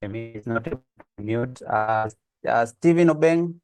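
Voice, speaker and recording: Hosting online office hours, this friendly Kenyan man greets people with many hesitant "uh"s. He speaks slowly in a smooth, slightly mellow mid-range voice, picked up by a computer mic on a video call.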